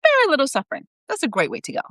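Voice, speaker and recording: A woman reading aloud as Saint Peter, a teasing, sharp-tongued male saint who guides a newcomer. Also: sits high, wildly swooping pitch, very fast, dry recording, voice pushed up, heavily acted. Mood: wry. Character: wry, blunt male saint guiding a newcomer.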